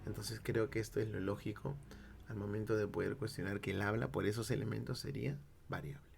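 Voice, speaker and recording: A man's voice: lowish voice, flat delivery, brisk, vocal fry, darkish tone, slight background noise. A Peruvian man teaching a linguistics lesson, explaining step by step and checking in with his listeners. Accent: Peruvian Spanish. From Peru. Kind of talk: classroom-style linguistics lecture.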